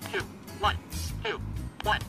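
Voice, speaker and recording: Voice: takes it slowly, over loud music. A robotic voice prompt from a handheld radio, announcing menu items in clipped single words.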